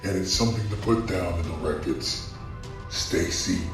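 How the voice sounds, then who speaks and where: A man talking through a voice changer that makes him sound like a deep echoing robot, playing a weary henchman reporting to his boss. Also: moderate pace, recorded from a distance, over music.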